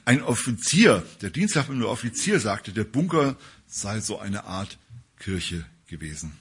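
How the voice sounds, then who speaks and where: A man gives a casual sermon in a rather low, husky voice. He talks to the congregation conversationally and keeps checking in with short tag questions. His speech is loose and hesitant, with frequent pauses. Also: very animated. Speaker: preacher. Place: church service.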